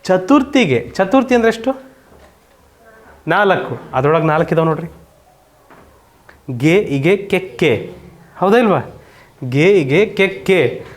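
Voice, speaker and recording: A male teacher leads a classroom grammar lesson. His voice sits a bit high for a man, and he keeps quizzing the children and repeating each point patiently. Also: lively intonation, slow, pauses often.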